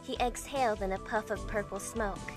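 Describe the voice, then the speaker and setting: This is a fandub of a visual novel in which a woman, lightly acting, voices a confused young heroine telling her own story. Her mid-range voice moves at normal speed over music, and the first-person narration feels introspective.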